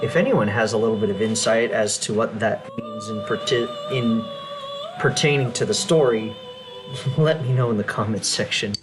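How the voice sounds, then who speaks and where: A man's voice: lowish voice, moderate pace, poor audio. A man hosting a let's play, giving casual, musing commentary with offhand asides. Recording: loud game music behind voice.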